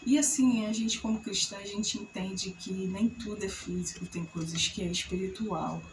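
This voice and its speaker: A woman's voice: normal speed, background noise. A woman in her thirties casually telling a personal faith testimony, acting out what people said with big jumps in her voice. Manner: animated storytelling, acts out quoted voices with big pitch jumps. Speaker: vlogger sharing a testimony.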